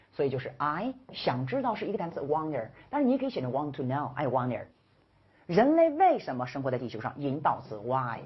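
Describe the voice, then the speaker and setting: A woman teaches grammar in a deep, very husky voice that swings through a wide, lively range. She speaks emphatically, firing rhetorical questions and slangy asides at her students. The recording sounds dull and lo-fi. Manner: slangy and chummy with viewers. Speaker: English teacher. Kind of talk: online grammar lecture.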